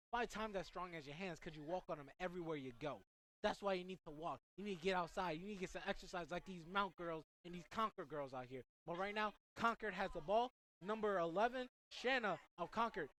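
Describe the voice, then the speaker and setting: A teenage high school student gives excitable, breathless play-by-play at a soccer game, rambling off into asides for his listeners. A little hiss or hum sits in the recording.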